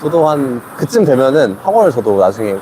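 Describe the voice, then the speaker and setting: A man's voice: medium pitch, very animated, a little fast, warm tone, a little hiss or hum. A man hosting a casual live stream in a table tennis hall, a coach who asks teasing questions.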